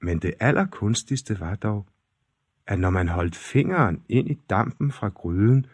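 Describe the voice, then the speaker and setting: Man, fairy-tale reading, low voice, husky, very expressive. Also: no room sound. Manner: expressive, varied storytelling. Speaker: storyteller.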